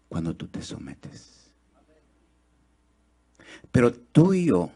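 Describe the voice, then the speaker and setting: Spanish-speaking preacher, loud then hushed. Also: male voice, husky. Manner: swings from loud, high, fast exhortation to low, slow, quiet confiding; asks the congregation rhetorical questions. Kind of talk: sermon. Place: church.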